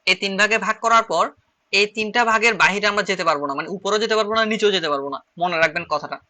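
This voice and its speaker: A man's voice: sits high, rapid-fire, sharp tone. A man with a Chittagong Bengali accent teaching an online shorthand class, explaining rules step by step and repeating key phrases as he writes on slides.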